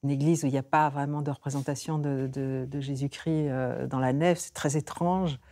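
A woman's voice: extremely low pitch, steady tone, moderate pace, mellow. A middle-aged woman, a singer and novelist, talking reflectively in a radio interview and hesitating often. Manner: reflective, hesitant with frequent fillers.

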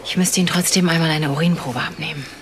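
An actress playing a kind, reassuring hospital doctor in a TV drama, gentle and matter-of-fact. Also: female voice, low voice, steady tone, fast talker, lightly acted. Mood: caring, professional.

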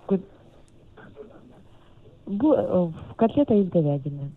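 A woman's voice: lowish voice, very animated, takes it slowly. A woman's voice comes through a tinny phone line as she takes a restaurant order. She stays polite and patient and lists dishes and juices one after another. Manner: polite, patient, reads out menu items. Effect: heard over a phone line.

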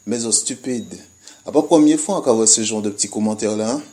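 A man from Guadeloupe with a Guadeloupean Creole-French accent, talking to his followers in an animated, emphatic monologue that mixes Creole and French. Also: on the low side, normal speed. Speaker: video creator addressing his followers. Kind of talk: casual monologue to camera.

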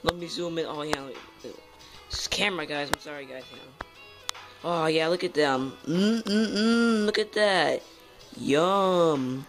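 A young boy filming himself in a home kitchen on a phone, chatty and excitable, full of fillers and calls of "guys". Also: fairly high pitch, slow pace, over music, low-quality recording. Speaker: home cooking vlogger. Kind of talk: casual cooking vlog. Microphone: phone camera held close.

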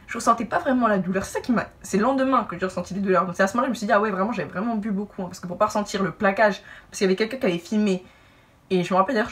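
A young woman telling a personal story to camera in a casual, animated way, acting out what others said. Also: mid-range voice, recorded from a distance. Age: young adult. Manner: animated, lively asides and acted-out quotes. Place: indoor room, brick wall behind.

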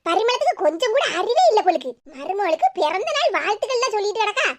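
A woman's voice: very high voice, sing-song, fast. A woman voicing a sweet, fussing older mother-in-law in a cartoon, speaking with a Tirunelveli Tamil accent. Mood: doting. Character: affectionate older mother-in-law, doting and cheerful. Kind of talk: cartoon voice acting.

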